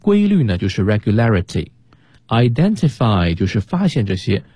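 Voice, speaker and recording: A man's voice: fairly low pitch, very animated, moderate pace, mellow, slightly rough, no room sound. A man co-hosting a radio English lesson, explaining words in a chatty, conversational way. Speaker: co-host teacher. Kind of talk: bilingual radio language lesson.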